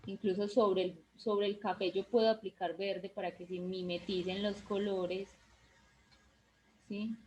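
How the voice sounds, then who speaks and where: Over muffled video-call audio with a bit of hiss or hum, a woman with an Antioquian Colombian Spanish accent teaches an online drawing class. Her medium-pitched, mellow voice moves little in pitch and stays unhurried as she explains each step and checks in often with her students.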